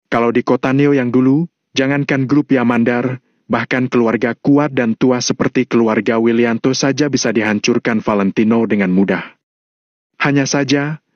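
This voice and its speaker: A man's voice: steady tone, moderate pace, dry recording. Man narrating a novel, dull dry sound. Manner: raises pitch sharply for dialogue. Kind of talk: scripted audiobook narration.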